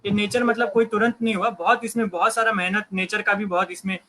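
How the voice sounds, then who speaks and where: Male guest, high bright voice, halting explainer with fillers. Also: steady tone, slight background noise, low-quality recording. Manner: hesitant, many fillers and restarts. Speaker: guest biologist explaining evolution. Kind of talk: casual explanatory talk.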